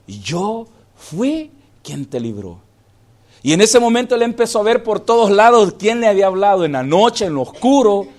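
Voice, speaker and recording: A male pastor preaching a sermon, calling listeners "hermano" as he moves between hushed and raised delivery. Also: high voice.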